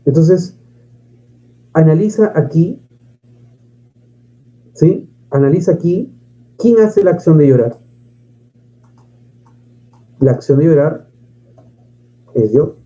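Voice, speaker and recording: A man teaches a grammar lesson in a fairly high, very dark and mellow voice. He asks and answers his own questions and reads verses aloud. The recording sounds dull and lo-fi. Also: expressive, slow, long pauses.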